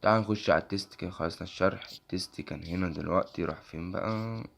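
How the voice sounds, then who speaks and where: A young man with an Egyptian accent and a worn, hoarse voice walks through an app on screen, quickly asking "okay?" after nearly every phrase. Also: low voice, a bit bright, slight background noise. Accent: Egyptian Arabic. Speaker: tech channel host. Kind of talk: casual screen-recording walkthrough.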